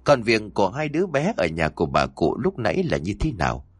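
A man narrating a horror story in a suspenseful, expressive way. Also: on the low side, a little fast, slightly rough, no room sound, clean studio sound.

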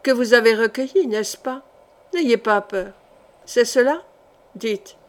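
A woman voicing a cold, cruel queen who speaks calmly and coldly and threatens with quiet menace, in an audiobook reading. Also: fairly high pitch, slow. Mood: icy, menacing. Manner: calm, then icy and threatening.

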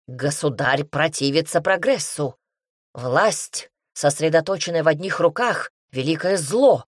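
Female audiobook narrator, lowish voice, dry close sound, indignant first-person fantasy reading. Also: animated, unhurried, no echo. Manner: indignant, sharp-tongued heroine.

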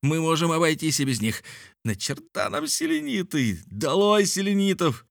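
A man doing a bombastic excitable traveler. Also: a little high, normal speed, vocal fry, dry recording, studio quality, pitched above the performer's own voice, heavily acted. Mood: rowdy. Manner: exclamatory, bombastic shouting. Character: excitable boastful male space traveler.

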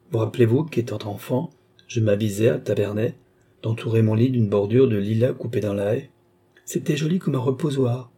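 A man's voice: mid-range voice, warm tone, husky, lightly acted. A man reading aloud, voicing a worried, tender young nobleman who pleads anxiously.

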